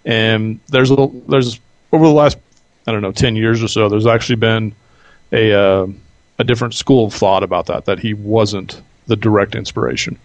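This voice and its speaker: A man speaking as a podcast guest in casual interview chat, halting a little as he thinks aloud. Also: on the low side, steady tone, no echo.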